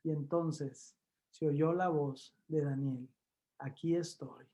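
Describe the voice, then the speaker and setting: An evangelistic preacher tells the story with dramatic swings, booming on one phrase and nearly whispering the next. Key words come slow and drawn out. Listeners are called brothers throughout. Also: fairly even intonation. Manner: dramatic storytelling, swinging from loud emphasis to hushed tones; addresses listeners warmly as brothers. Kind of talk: evangelistic sermon.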